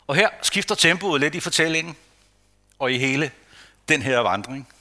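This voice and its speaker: Male pastor, bright tone, rhetorical sermon delivery with hushed dramatic drops. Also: a little high, expressive. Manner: dramatic dynamics, dropping to a hushed near-whisper; rhetorical, repeats phrases for emphasis.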